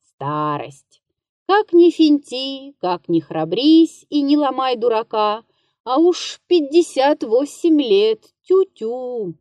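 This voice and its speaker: A woman voicing a frightened, maudlin drunken old male comic actor of fifty-eight in a literary audiobook, muttering, shouting in terror and whimpering. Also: fairly high pitch, no room sound, muffled recording. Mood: rueful musing. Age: 58 (figure).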